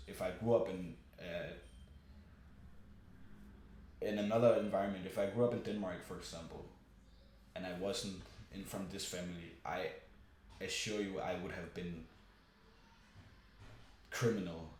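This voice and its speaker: A young man with a very low voice rambles through a casual chat, swearing often and filling gaps with ums and uhs. His voice rings around a strongly echoing room, with faint noise behind. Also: fairly even intonation, normal speed, long pauses. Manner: profane, rambling, many fillers.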